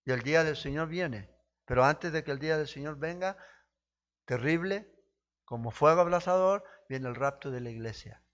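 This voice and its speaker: Man preaching a sermon, gets fired up then goes quiet, asks the crowd questions, kinda muffled lo-fi sound. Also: normal speed. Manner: impassioned preaching, rising to emphatic peaks then dropping low; speaks directly to listeners with rhetorical questions. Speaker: pastor.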